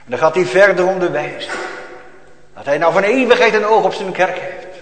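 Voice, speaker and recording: Fervent preacher in an echoey church. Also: male voice, high-pitched, a little hiss or hum. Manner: fervent preaching with hushed, drawn-out passages. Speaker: pastor. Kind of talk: sermon.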